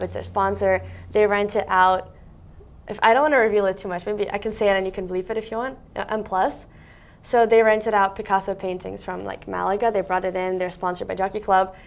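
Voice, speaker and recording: Seated at a table in an office meeting room, a young Siberian content creator from Russia chats loosely as an interview guest. She has a creaky, medium-pitched voice and fills her talk with plenty of "like" and "um."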